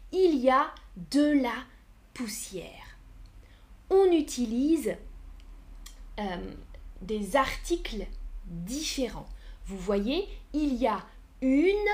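Slow, lively-pitched woman teaching French. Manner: slow, clear teacher talk, counting aloud and addressing the chat. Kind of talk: live-streamed language lesson.

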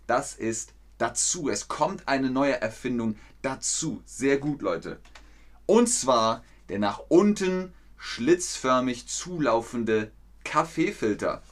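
His voice sits at medium pitch as he gives learners a German lesson over the internet. He goes slowly and clearly, says words more than once, and brightens things up by testing his viewers with questions.

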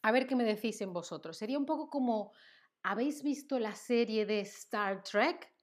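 A young woman from Seville, her voice a little high and expressive, teaches Spanish in a playful live stream with a strong Andalusian accent. She keeps up friendly chatter, laughs frequently, and reads viewers' chat names aloud; listing words, she goes slowly and stumbles over fillers.

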